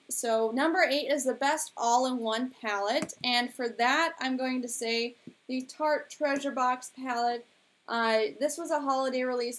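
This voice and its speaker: A young woman chatting casually on her own live stream, rambling along with lots of filler words. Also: on the high side. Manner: chatty and rambling, heavy use of "like". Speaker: beauty vlogger hosting a live stream. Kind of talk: casual live-stream chat about makeup.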